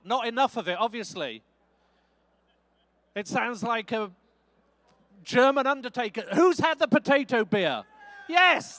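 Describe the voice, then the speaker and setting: High-voiced joking event host, a man. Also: no echo. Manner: jokey, energetic crowd-rousing. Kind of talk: live event hosting. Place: event hall.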